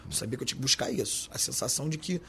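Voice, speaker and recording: A man's voice: medium pitch, lively intonation, racing, fairly bright tone, slight background noise. A man with a Carioca accent, a restaurant owner talking in an interview, slangy and emphatic. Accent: Carioca Portuguese. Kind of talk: podcast interview.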